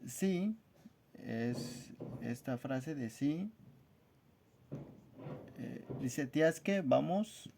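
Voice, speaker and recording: A man teaching a language lesson at a whiteboard, spelling out words slowly and carefully in a friendly, casual way. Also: mid-range voice, expressive, gravelly, background noise.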